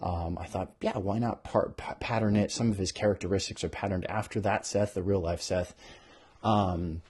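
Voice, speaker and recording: Man, lowish pitch, rough husky tone, animated, self-interrupting, casual author podcast chat. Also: moderate pace. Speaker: author hosting a podcast about their own book. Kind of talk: casual rambling talk with bits read aloud.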